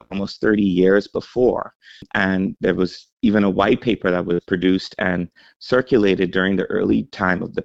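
A man from the Bahamas, a healthcare executive, answering interview questions in a measured, explanatory way with frequent fillers. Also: deep voice, creaky, no echo, highs cut off.

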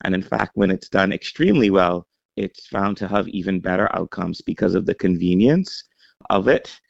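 Bahamian-raised man, very low and gravelly voice, measured interview guest; dull lo-fi recording. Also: dry recording. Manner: measured, explanatory with frequent fillers. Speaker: healthcare executive guest. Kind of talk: interview answers.

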